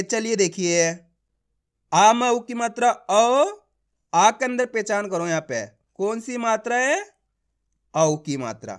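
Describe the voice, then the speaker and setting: A man teaching an online reading lesson, spelling words out slowly syllable by syllable and often checking that the learner follows. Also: very high-pitched.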